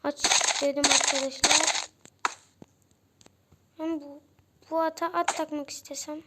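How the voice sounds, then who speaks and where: A high-pitched young girl chats her way through a game for her channel, calling out to her viewers every few words. Loud noise runs under her voice the whole time. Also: level tone, unhurried. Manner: chatty, addresses viewers as friends constantly. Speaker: gaming channel host. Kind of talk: casual game commentary.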